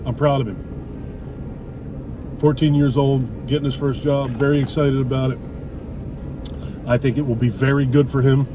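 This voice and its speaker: A man's voice: mid-range voice, little pitch movement, normal speed. A middle-aged man in casual conversation, talking in a blunt, opinionated way. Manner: blunt, opinionated, lightly swearing. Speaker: vlogger chatting with his wife over a meal. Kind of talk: casual chat. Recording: distant mic, loud traffic and car noise.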